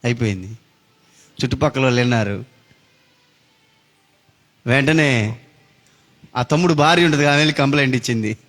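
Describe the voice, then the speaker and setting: A man's voice: medium pitch, brisk, pauses often, fairly bright tone. A man preaching a sermon, telling a story dramatically with big rises and falls in his voice. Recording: long reverb of a hall.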